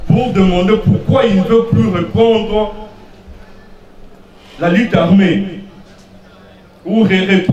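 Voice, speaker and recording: A man questioning in court, formal and halting in his phrasing. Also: sits high, darkish tone. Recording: muffled, echoey, noisy from far off.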